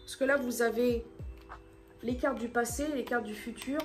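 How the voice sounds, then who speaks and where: A woman's voice: fairly high pitch, steady tone, normal speed, faint music behind. A woman chatting casually to her vlog audience at home, rambling and tripping over her words. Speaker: vlogger. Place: at home indoors.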